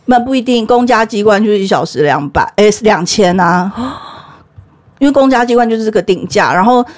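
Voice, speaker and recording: Fast-talking animated woman storyteller. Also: mid-range voice. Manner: laughing often, animated storytelling. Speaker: guest, history teacher. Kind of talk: casual podcast chat.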